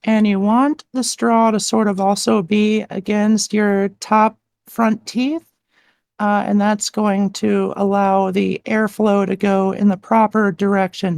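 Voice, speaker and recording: A woman's voice: medium pitch, steady tone, a little slow, creaky, darkish tone, no echo. Dry-sounding woman coaching step by step. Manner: patient, step-by-step, with frequent "like" and "um" fillers. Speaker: voice coach guest. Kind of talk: instructional explanation in a live-stream conversation. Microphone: desktop mic with adjustable gain.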